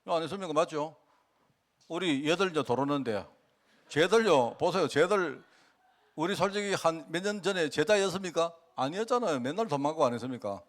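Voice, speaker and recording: This male pastor, speaking with a Gyeongsang accent, delivers a colloquial, animated sermon and acts out his conversations with the people in his stories. His voice sits on the high side and moves fairly quickly.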